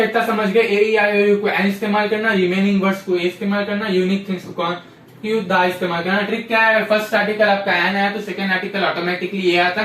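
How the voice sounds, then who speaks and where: A man's voice: high-pitched, a bit bright. A man teaching a grammar lesson, repeating rules and checking often that students understand. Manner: repetitive, drills rules with frequent "samjhe?" check-ins. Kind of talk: classroom-style grammar lesson. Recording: echoey room, voice from a distance.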